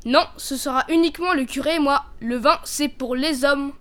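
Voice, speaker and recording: A sly peasant man from a storybook, coaxing with a put-on sweetness in a high, light voice, as a woman reader plays him. He is crafty and bossy beneath the honey. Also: moderate pace, close to an everyday voice.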